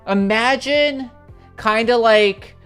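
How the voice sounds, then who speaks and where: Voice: medium pitch, slow, clean tone, soft background music. A livestream host chatting casually and rambling through a long story, with many filler words and repeated exclamations of how crazy it is. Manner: excitable, repeats "it's crazy".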